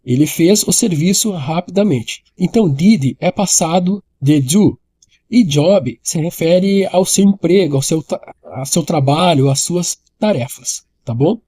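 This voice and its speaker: A man's voice: fairly high pitch, measured pace, warm tone, husky. A man, explaining an English grammar lesson directly to the viewer and repeating key points. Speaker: English teacher.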